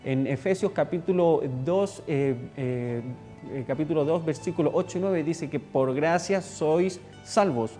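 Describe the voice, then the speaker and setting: Emphatic high-voiced Chilean preacher. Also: male voice, unhurried, mellow, big-room sound, soft background music. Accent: Chilean Spanish. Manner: emphatic, repeats words for stress. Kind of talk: sermon.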